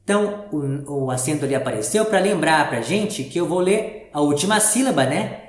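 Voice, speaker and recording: Animated teacher in a roomy space. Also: male voice, fairly high pitch, moderate pace. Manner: patient, explains step by step with questions to the class. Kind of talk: primary school reading lesson. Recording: roomy echo.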